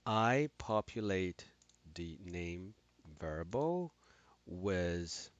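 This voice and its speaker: A man explaining software in a screen-recorded tutorial, talking haltingly with many restarts and fillers. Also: low voice, expressive, lo-fi sound. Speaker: instructor.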